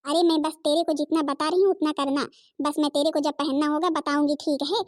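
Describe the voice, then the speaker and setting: A woman's voice: high voice, flat delivery, fairly quick, no echo, clean studio sound, lightly acted. A woman voicing a scheming middle-aged mother in a cartoon, bossy and sly.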